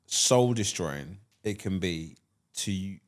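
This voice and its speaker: A man's voice: sits low, slow pace. A man, hosting a casual podcast interview, asking questions and reacting with laughs. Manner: animated, laughs, sometimes shouts in excitement. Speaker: podcast host.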